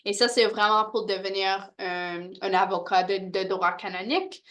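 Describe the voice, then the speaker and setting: A woman presenting university programs to prospective international students, pausing often with fillers and restarting phrases. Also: medium pitch, steady tone, a bit bright. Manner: hesitant, many fillers and restarts.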